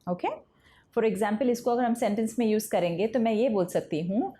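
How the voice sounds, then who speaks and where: A woman's voice: fairly high pitch, warm tone. A woman from Mumbai teaching English vocabulary in Hindi, spelling each word out letter by letter and explaining its meaning. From Mumbai, India. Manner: slow, deliberate spelling-out of words letter by letter.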